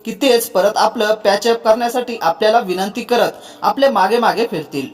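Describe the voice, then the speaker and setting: A storyteller voicing a young wife who pretends to be angry, in a read-aloud story. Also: female voice, medium pitch, soft background music, close to an everyday voice. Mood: scheming. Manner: quick, accusing. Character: young wife staging a mock quarrel.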